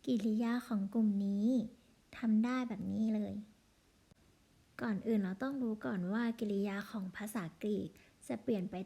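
A woman teaching a language lesson, drilling word forms one by one in a slow, deliberate way. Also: mid-range voice, dark tone.

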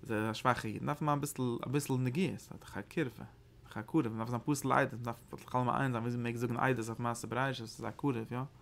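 Teaching mystical texts in a study session, a male Torah teacher searches for words as he goes, pausing and frequently repeating phrases. He has a mid-range voice with vocal fry and fairly even intonation.

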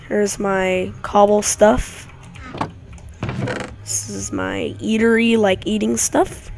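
Recording at home with dogs close by, a woman YouTuber chats her way through gameplay, speaking into a desk mic beside a clicky keyboard. She has a medium pitch with vocal fry and a slightly mellow quality.

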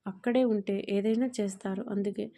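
A woman's voice: medium pitch, fairly even intonation, moderate pace, creaky, mellow, close to an everyday voice. A woman reading the part of a spoiled, bold younger sister in an audio story. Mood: cheeky.

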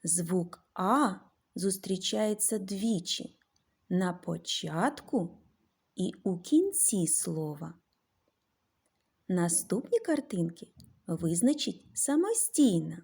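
A woman teacher giving a literacy lesson to young children, sounding out words slowly syllable by syllable. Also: on the low side, animated, creaky, darkish tone.

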